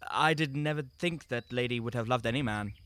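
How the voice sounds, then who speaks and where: An actor playing a young courtier who murmurs sly, hushed asides. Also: male voice, mid-range voice, brisk, smooth, lightly acted.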